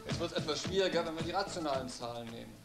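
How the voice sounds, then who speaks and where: Echoey higher-voiced maths teacher. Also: male voice, animated, very fast, creaky, loud music behind the voice. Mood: matter-of-fact. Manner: didactic, matter-of-fact. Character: dry, patient male maths teacher. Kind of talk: classroom lecture. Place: classroom at the blackboard. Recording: echoey classroom, faint noise.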